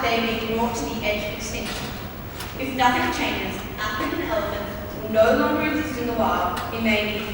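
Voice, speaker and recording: Schoolgirl doing an earnest speech in a big echoey hall, kinda far from the mic w background noise. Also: a little high. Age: child or young teen, not yet in early twenties. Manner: earnest, rhetorical questions with emphatic pauses. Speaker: student speaker giving a speech. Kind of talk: prepared persuasive speech to an audience. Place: large echoing room with an audience.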